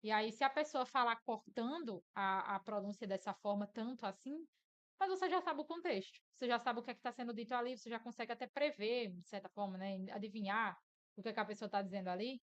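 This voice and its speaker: Chatty teacher woman, high voice. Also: fast. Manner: chatty, explains with many "né?" asides. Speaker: English teacher. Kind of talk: casual explanatory lesson.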